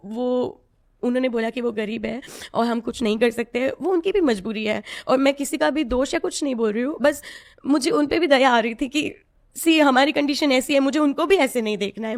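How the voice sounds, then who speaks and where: Earnest woman with a higher voice. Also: moderate pace. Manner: earnest and confiding. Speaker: podcast guest. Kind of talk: personal story told in an interview.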